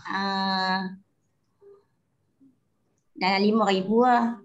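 Shy woman speaking slowly. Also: medium pitch, steady tone, muffled recording. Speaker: class participant.

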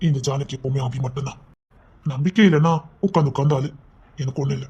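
Brief: a man as a brash, devoted young husband in an audio drama; husky, rapid talker. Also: mid-range voice, steady tone, dull audio. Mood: tender. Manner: fast, blustering, then soft and coaxing. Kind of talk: amateur Tamil audio drama.

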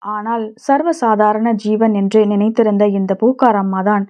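A woman's voice: medium pitch, normal speed, darkish tone. Woman reading a short story aloud. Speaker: audiobook narrator. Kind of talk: scripted story narration. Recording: dull lo-fi recording.

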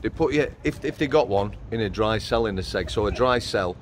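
A man's voice: lowish voice, animated, a little fast. A man, a former prison officer hosting a walk-and-talk interview on a street at night, talking bluntly into a lapel mic. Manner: blunt, plain-spoken. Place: outdoors on a city street at night. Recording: loud street noise.

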